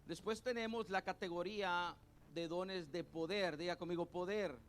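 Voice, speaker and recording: A middle-aged male pastor preaching a sermon, leading the congregation to repeat terms after him and repeating his points slowly. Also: high voice, slight background noise. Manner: call-and-response teaching, has the congregation repeat terms; spells out words letter by letter and repeats points slowly.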